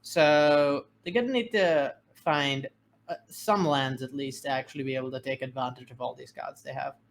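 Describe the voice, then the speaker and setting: A man casting a card game match, giving color commentary in a measured, analytical manner with frequent fillers. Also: medium pitch, slight background noise. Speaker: game caster.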